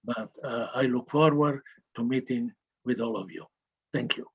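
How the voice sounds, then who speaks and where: A man presenting a university program in a webinar, measured and formal. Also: mid-range voice, vocal fry, husky. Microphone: video call. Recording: dull video-call audio.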